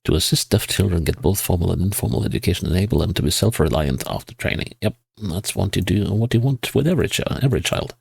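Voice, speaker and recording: A man giving casual gameplay commentary, musing to himself and reading signs and place names aloud in a husky voice. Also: low-pitched, lively intonation, fast, hardly any pauses, a little mellow, dry recording. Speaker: GeoGuessr player.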